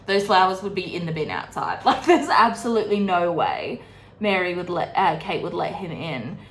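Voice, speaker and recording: A woman's voice: on the low side, expressive, moderate pace, fairly bright tone. A young woman hosting a book readalong, chatting casually with lots of fillers while doing her makeup. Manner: chatty, filler-heavy, giggly. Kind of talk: casual chat recapping a novel. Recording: roomy echo, faint background noise.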